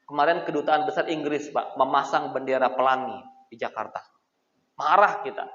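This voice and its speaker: A man preaching a lively sermon, joking with his audience and calling out to them directly. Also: medium pitch, normal speed. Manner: animated, jokes with the crowd, addresses them as Pak. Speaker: Islamic preacher. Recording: echoey, dull hall recording.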